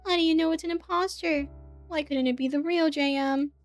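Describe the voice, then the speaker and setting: A hard-edged, wary investigator who snaps back bluntly, as a woman puts her on. Her voice sits high and lifted above the narration, with faint music under it. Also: steady tone, brisk. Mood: guarded. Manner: blunt, sharp retorts. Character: tough, guarded female investigator, wary and blunt.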